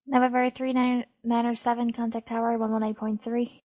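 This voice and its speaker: A woman's voice: fairly high pitch, normal speed. A woman working as an air traffic controller, giving formal, clipped procedural instructions over an aviation radio. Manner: flat, formal, routine delivery. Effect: aviation radio transmission. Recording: dull, lo-fi radio channel.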